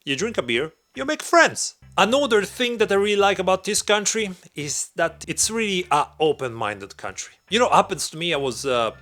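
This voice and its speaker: A young man from Croatia, talking casually to camera in a vlog, excitable and emphatic, swearing freely. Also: high voice, normal speed, hardly any pauses. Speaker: vlogger and metal musician.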